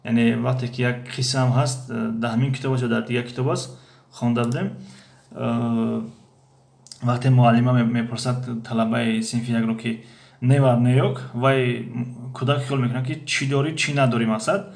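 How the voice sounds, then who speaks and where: A man teaching a language lesson from a textbook, explaining phrases with many hesitations and slow repetitions. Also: mid-range voice, little pitch movement, gravelly, a little mellow. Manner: hesitant, many pauses and fillers, repeats phrases slowly. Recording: echoey room.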